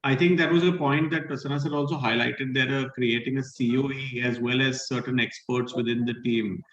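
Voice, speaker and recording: Quick polite moderator, muffled audio. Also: male voice, medium pitch, fairly even intonation, a bit bright. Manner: polite, deferential, apologizes and yields the floor. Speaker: webinar moderator. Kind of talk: webinar panel discussion. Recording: dull echoey video call audio.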